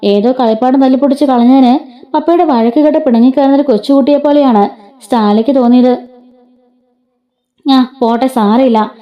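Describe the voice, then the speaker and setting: Woman, high voice, story narration, dialogue in her own voice, dull lo-fi recording. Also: fast talker. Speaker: storyteller reading serial stories. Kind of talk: read-aloud story narration. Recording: dull lo-fi sound.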